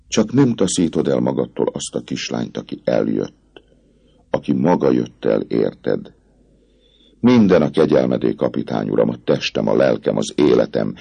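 A man's voice: extremely low pitch, vocal fry, warm tone, breathy edge, full character voice. A man voicing a passionate young woman who pleads with the man she loves, in an impassioned, breathless way. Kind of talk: audiobook character voice.

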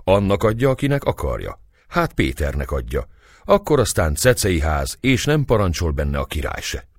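A man's voice: deep voice, very animated, no room sound, clean studio sound, heavily acted. A man voicing an old priest whose speech is muffled, with blurred consonants. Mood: stubborn. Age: older.

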